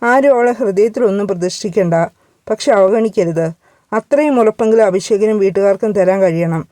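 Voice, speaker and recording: A woman's voice: medium pitch, normal speed, dark tone, no echo, lightly acted. Woman reading as a worried young mother. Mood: earnest.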